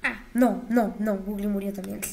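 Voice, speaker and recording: A woman's voice: mid-range voice, fairly even intonation, moderate pace, vocal fry, a little mellow, slight background noise. A young woman, chatting casually as she talks herself through editing block textures, with flustered exclamations. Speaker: YouTuber.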